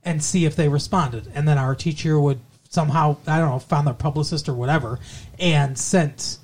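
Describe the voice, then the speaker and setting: Man, podcast co-host, goofy and rambling, fairly high voice, casual chat. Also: steady tone, normal speed, darkish tone, slightly rough. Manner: goofy, rambling, swears freely.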